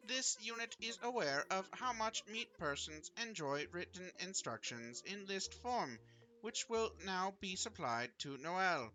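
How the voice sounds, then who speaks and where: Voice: medium pitch, animated, measured pace, bright, forceful tone, faint music behind, low-quality recording. A streamer putting on a robot voice to play a stiff, formal male robot worker in a game, speaking in clipped, literal phrases. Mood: mechanical, formal. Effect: robot voice put on by a streamer. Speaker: streamer reading game dialogue aloud. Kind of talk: let's play voice acting.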